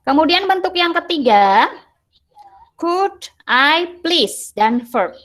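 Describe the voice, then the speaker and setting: Slow, patient Indonesian woman teacher. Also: extremely high pitch, big pitch swings, a bit bright. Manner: explains patiently, translating each English phrase into Indonesian. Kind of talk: online English lesson explained in Indonesian.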